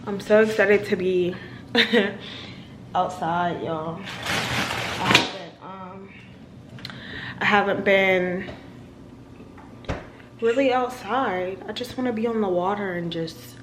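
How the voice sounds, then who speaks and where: A woman's voice: mid-range voice, slow, pauses often, background noise. A young American woman chatting informally to the camera, using slang and repeating phrases for emphasis. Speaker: vlogger. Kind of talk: casual chat to the camera.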